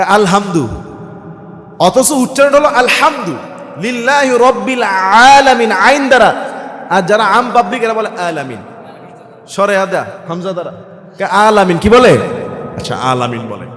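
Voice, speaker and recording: A high-pitched man with a Bangladeshi Bengali accent delivers a waz sermon, pressing his listeners with rhetorical questions. His voice drops low, then rises to a shout. The recording is roomy, with a long reverb trailing each phrase. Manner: rhetorical questions to the crowd, swinging from soft to shouted. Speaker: Islamic preacher. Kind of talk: waz sermon with Quran recitation. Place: religious gathering (waz mahfil).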